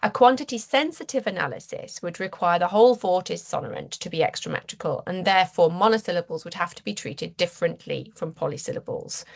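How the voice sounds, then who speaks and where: An English woman presents her research at a university seminar in a measured, careful way, often pausing on fillers and restarting her phrases. Her voice sits low and carries a steady gravelly fry, and she explains points like a lecturer working through slides. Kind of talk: academic lecture.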